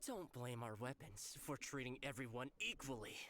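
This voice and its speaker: A nervous bandit, voiced by an actor, his voice swinging up and down as he tries to placate. He speaks at an ordinary pitch and sounds jittery. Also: very animated, normal speed, background noise, close to an everyday voice. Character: nervous male treasure hoarder. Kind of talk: video game dialogue.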